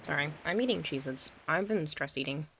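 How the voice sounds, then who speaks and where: Woman game streamer, lower-pitched, rambling casual chat with viewers. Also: lively intonation, a little fast, a bit bright, a little hiss or hum. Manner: chatty, rambling, laughs easily. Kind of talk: casual gameplay commentary and chat reading.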